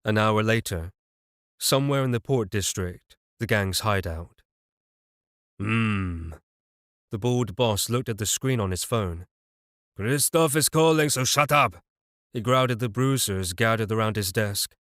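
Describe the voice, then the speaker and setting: A man's voice: fairly low pitch, moderate pace, a bit bright, no echo, clean studio sound. A man narrating a fantasy audiobook in the first person, telling it evenly with a wry touch.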